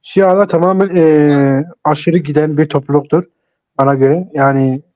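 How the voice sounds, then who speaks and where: A man's voice: a little high, fairly even intonation, normal speed. A man talking in a live debate over an online call. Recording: dull, lo-fi online call audio.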